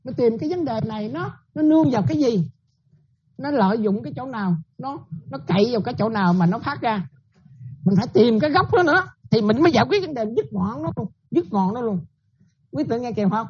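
Husky-voiced nun giving a dharma talk. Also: female voice, on the high side, a little fast, lo-fi sound. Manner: checks listeners often, repetitive and animated. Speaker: Buddhist nun teacher.

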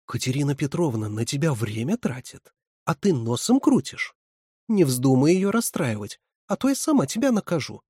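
A man voicing a young, bossy female camp counselor who scolds and commands, with a husky voice. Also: low-pitched, very animated, moderate pace, mellow, no room sound, clean studio sound, pitched above the performer's own voice, full character voice. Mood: scolding.

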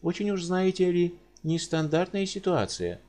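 A man voicing a pompous, fussy middle-aged male doctor with a high, hedging way of talking. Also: animated, moderate pace, a little mellow.

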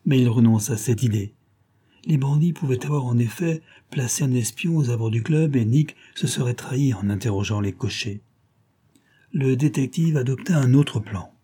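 A man reading a detective novel aloud as steady scripted narration. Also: medium pitch, slightly rough. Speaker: audiobook reader.

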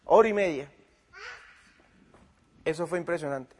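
There's a little hiss or hum behind this man's slightly high voice, and he speaks a little slowly. Preaching, he retells his argument with another pastor, quoting each side and shifting from loud passages to quiet ones.

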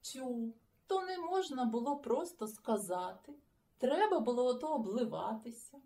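A woman's voice: fairly high pitch, lively intonation, normal speed, warm tone. A woman voicing a sleepy, good-natured boy who drawls and grumbles, in a storybook reading. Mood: grumpy sleepy.

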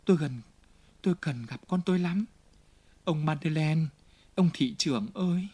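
A man's voice: moderate pace, dark tone, dry recording, close to an everyday voice. A man voicing a desperate, sick young mother who pleads in a trembling, raised voice in an audiobook. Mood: frantic pleading. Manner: pleading, trembling, high-pitched.

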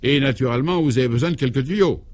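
Fast and darkish in tone yet natural, this man plays Clovis du Tilleul, the jovial, eccentric 64-year-old ex-priest of an old-fashioned French radio comedy. He talks up high, fatherly and full of exuberance.

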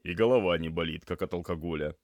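A man reading an audiobook, voicing a calm, laconic young male student. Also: sits low, fast, no room sound, studio quality, lightly acted.

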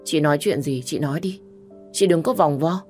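A woman's voice: low voice, normal speed, darkish tone, soft background music, lightly acted. A woman voicing a stubborn, guarded young woman. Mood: cold. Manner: curt, guarded.

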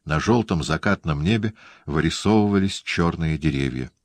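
Deep-voiced man, measured audiobook narration, dry close studio sound. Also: expressive, dry recording. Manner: measured storytelling. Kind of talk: scripted narration.

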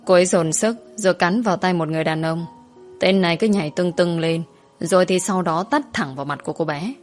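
A woman narrates a story in a steady, even storytelling voice. Her voice sits on the low side, and faint music plays under it. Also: fairly quick.

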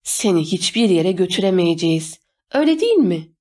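A woman's voice: fairly low pitch, big pitch swings, fairly quick, mellow. A woman voicing a blunt, sarcastic teenage boy in an audiobook. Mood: mocking.

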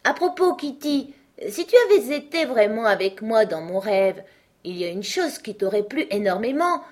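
A woman's voice: a little high, very animated, moderate pace, a little mellow. A woman voicing Alice, a curious, chatty young girl who fondly scolds her cats in a storybook reading.

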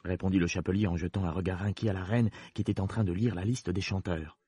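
A man narrating a storybook in a measured, storytelling manner. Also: deep voice, fairly even intonation, mellow, husky, no room sound.

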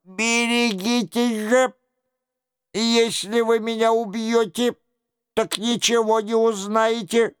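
A frightened monk gives nervous, evasive answers, pleading for his life, as a male audiobook reader puts him on. The reading is very slow, smooth and dry. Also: a little high, expressive, no room sound.

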